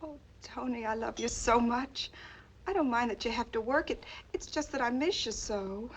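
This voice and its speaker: A woman's voice: on the high side, moderate pace, slight background noise, close to an everyday voice. An actress playing a devoted, lonely policeman's wife in a 1940s film noir style. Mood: loving. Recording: dull old film soundtrack.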